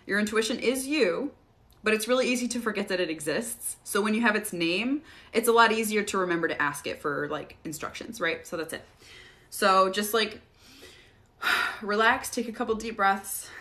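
A woman hosting a casual live Q&A, relaxed and chatty, often laughing as she answers viewers. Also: mid-range voice. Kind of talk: casual livestream Q&A.

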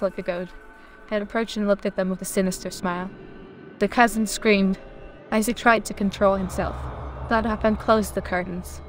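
A woman narrating a scripted horror story in a steady, measured way. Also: mid-range voice.

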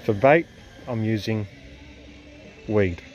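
A man's voice: fairly low pitch, slow, darkish tone, muffled recording. An enthusiastic Australian man in his thirties narrates a casual fishing vlog from a riverside jetty. He explains things plainly and keeps praising his catch. Faint outdoor water noise sits under his voice. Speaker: fishing vlogger. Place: parked car, then outdoors on a river jetty.

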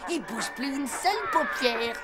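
A woman voicing an excitable, cheeky young schoolboy who whines, yelps and shouts. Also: sits high, unhurried. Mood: excited. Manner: loud, whiny, yelps and exclamations. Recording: cartoon soundtrack with loud music.

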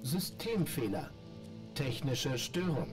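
An actor voicing a malfunctioning male robot companion that reports system errors in clipped, flat phrases, with game music behind. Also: mid-range voice, slow. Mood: mechanical. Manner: clipped, flat machine reports in single words. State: glitching, malfunctioning. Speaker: game character.

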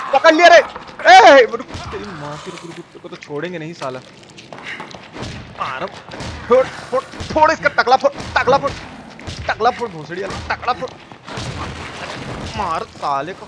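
His voice sits high, swinging widely in pitch, and he speaks at a measured pace with long pauses. The man gives informal, profane live game commentary directed at viewers, including shout-outs to chat, against clear background noise and game ambience.

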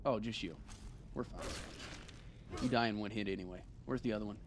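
A man's voice: lowish voice, brisk. A young man giving casual, profane gameplay commentary, joking and talking trash to the enemies he fights. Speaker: gaming video host. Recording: steady background noise.

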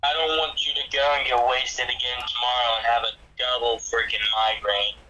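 A man's voice: medium pitch, flat delivery, normal speed, sharp tone, muffled recording, faint music behind. A man talking to a friend on a voice call, teasing and chiding him. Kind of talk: casual chat.

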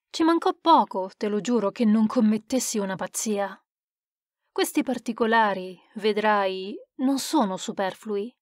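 A woman's voice: mid-range voice, no room sound, studio quality, lightly acted. A woman reading the part of a rueful, lovesick male poet who recounts his past in an earnest, emphatic way. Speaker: audiobook reader. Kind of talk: expressive literary reading.

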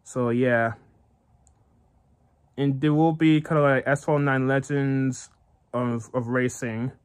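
Male gaming vlogger, unhurried, stammering, giggly casual commentary. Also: mid-range voice, steady tone, clear, resonant tone. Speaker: gaming channel host.

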